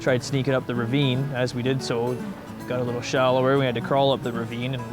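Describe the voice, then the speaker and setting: A man telling a turkey-hunting anecdote in a steady, even way. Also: mid-range voice, fast talker, over music. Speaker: hunter.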